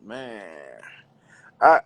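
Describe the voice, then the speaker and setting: A man's voice: medium pitch, extremely slow, no echo. Laid back guy w/ alabama drawl, slangy, casual interview chat, dry close sound. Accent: Alabama Southern. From Alabama, United States. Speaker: DJ and rapper, interview guest. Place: small wood-panelled room indoors. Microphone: phone at close range, video call.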